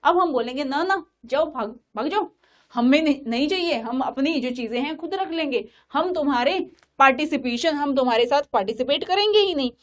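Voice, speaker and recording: A woman's voice: high-pitched, animated, fairly quick. A young woman teaching an online exam-prep class, telling history like a story with an Indian English accent, coaxing and checking in with her students.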